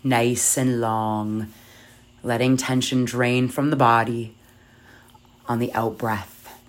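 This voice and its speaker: A yoga nidra guide with a mid-pitched voice speaks very slowly and softly. The delivery is soothing and measured, leaving long pauses between short phrases. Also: flat delivery. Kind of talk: guided meditation.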